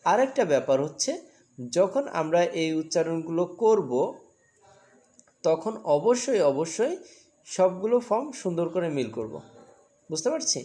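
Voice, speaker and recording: A woman's voice: lowish voice, very animated, normal speed, long pauses, mellow. A woman from Bangladesh teaching English to children in a classroom lesson, repeating sounds and asking the class questions.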